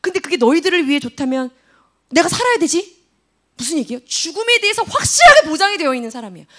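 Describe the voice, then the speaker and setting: Lively high-voiced woman preaching to teens. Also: fast talker. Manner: animated, questions the students, acts out quotes. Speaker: youth ministry preacher. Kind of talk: sermon to teenagers. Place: church service.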